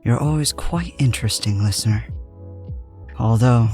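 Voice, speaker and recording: A woman voicing a calm, soft-spoken young male alchemist in a polite, measured whispered role-play. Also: extremely low pitch, soft background music, pitched below the performer's own voice. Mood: gentle.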